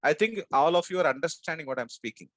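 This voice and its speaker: A man of about sixty with a strong South Indian Telugu accent from Andhra, giving an emphatic training talk in short, deliberate phrases with rhetorical questions. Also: fairly high pitch, lively intonation, a bit bright, dry recording, studio quality. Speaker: sales trainer and business coach. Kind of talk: motivational training talk to an audience.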